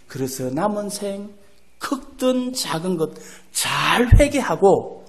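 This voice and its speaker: A middle-aged man preaching a sermon in a church. His voice sits high and swings widely in pitch as he tells stories in a folksy, animated way. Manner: animated, folksy storytelling with acted prayers and laughs. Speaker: missionary preacher. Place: church sanctuary.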